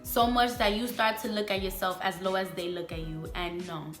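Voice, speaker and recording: Doing a get-ready-with-me chat, a candid young beauty vlogger from the Bronx, New York, speaks emphatically in heavy slang, addressing viewers as "sis" and "girl." Her bright, echoey voice is medium-pitched, steady and moderately paced, with faint music behind.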